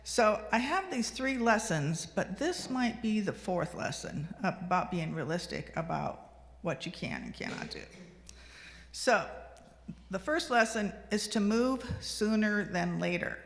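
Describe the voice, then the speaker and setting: Woman, 60s, lay speaker. Chatty and reflective, some fry in the voice, recorded on a reverberant livestream. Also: medium pitch, very animated, unhurried, a little hiss or hum. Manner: conversational storytelling with frequent ums and restarts. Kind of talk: personal reflection talk. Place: fellowship meeting hall. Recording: long hall reverb on a livestream.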